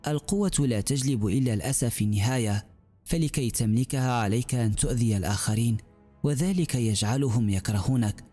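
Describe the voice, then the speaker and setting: A man voicing a gentle young female healer who talks in a calm, earnest way. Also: medium pitch, fairly quick, soft background music, lightly acted. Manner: calm, earnest, softly reasoning.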